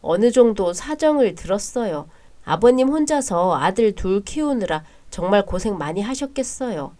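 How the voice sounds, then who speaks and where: A polite young bride-to-be speaks softly and kindly and narrates her own story in a radio drama, played by a woman. Her pitch is plain and mid-range. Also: animated, normal speed, natural voice. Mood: gentle. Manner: polite and soft-spoken.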